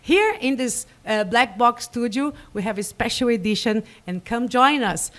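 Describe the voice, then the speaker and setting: Live in a radio studio, a Portuguese-speaking Brazilian host with a Brazilian Portuguese accent keeps the chat casual. Her voice is on the high side, animated, a bit bright and at a moderate pace, and she comes across as eager, welcoming and enthusiastic with a hint of nerves.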